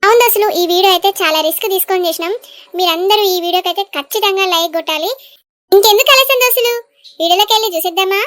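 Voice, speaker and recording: A woman with a Telangana Telugu accent hosting a village comedy channel, talking in a lively, chatty way. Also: very high-pitched, racing, no room sound. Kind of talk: village comedy skit with host intro.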